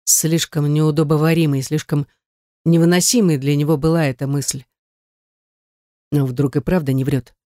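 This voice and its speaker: An audiobook narrator reading a romance novel in a steady, even storytelling voice. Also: mid-range voice, moderate pace, long pauses, no echo, studio quality. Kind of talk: scripted narration.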